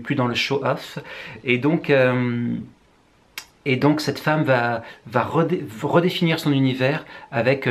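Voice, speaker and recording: A French man, a writer, musing through a book review with wry asides. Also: mid-range voice. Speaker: writer presenting books.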